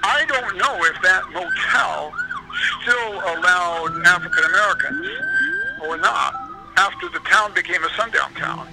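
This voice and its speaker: A man's voice: high-pitched, huge pitch swings, a little slow, gravelly, very noisy. A man, an author and historian, answering interview questions in a rambling, digressive way.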